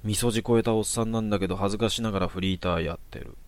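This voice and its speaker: A man calmly reading out short horror stories in a matter-of-fact manner. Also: fairly low pitch, rapid-fire, dry recording. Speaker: storyteller. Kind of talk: narrated horror story.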